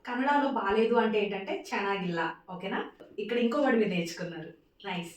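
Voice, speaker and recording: A woman teaching a casual spoken language lesson, repeating words slowly for pronunciation and mixing in English phrases. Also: medium pitch, animated. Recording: echoey room, distant mic.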